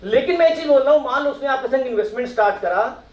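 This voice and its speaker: A man's voice: extremely high pitch, expressive, racing. A middle-aged man giving a talk to an audience, asking them questions and acting out their replies. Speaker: speaker at a professional meet. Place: meeting hall with audience. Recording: echoey hall, mic from far off.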